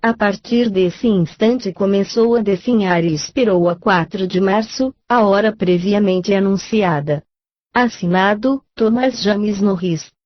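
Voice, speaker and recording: A woman reads a book aloud in a calm, measured narration. Her voice sits in a middle range. The recording is dull and lo-fi, with a dry sound and no room echo. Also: mid-range voice. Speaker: reader.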